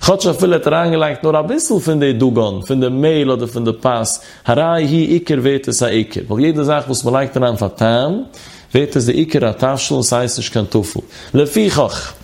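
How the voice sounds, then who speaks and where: In a chanted study lesson, the man, a religious teacher, intones phrases sing-song fashion before explaining each. He has a medium-pitched, creaky, slightly mellow voice and a fairly quick pace.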